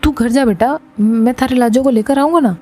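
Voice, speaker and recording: Woman doing a gentle village father. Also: fairly high pitch, normal speed, pitched above the performer's own voice, natural voice. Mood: tender. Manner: coaxing and soft-spoken.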